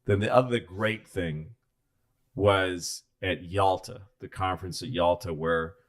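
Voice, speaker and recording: A man co-hosting a podcast, telling history stories in a rambling, profane, animated way. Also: deep voice, measured pace. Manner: rambling, profane, animated storytelling with many restarts. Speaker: podcast co-host. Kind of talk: casual storytelling chat.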